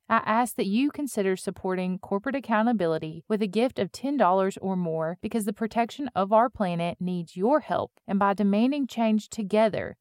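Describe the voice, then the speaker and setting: A woman reading a guided meditation as a podcast host, with a gentle, soothing, unhurried delivery and pauses between phrases. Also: medium pitch, no room sound, studio quality.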